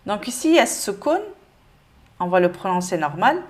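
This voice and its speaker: Une femme qui donne un cours de lecture avec patience, en répétant lentement chaque mot. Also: female voice, mid-range voice, very animated. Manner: patient, repeats each word slowly. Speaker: Arabic reading teacher. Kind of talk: step-by-step lesson.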